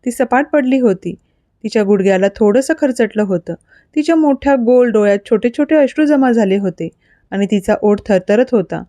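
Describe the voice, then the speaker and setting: A woman reading a dramatic audio story aloud in an expressive, storytelling manner. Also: on the high side, moderate pace, no echo. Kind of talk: scripted narration of an audio story.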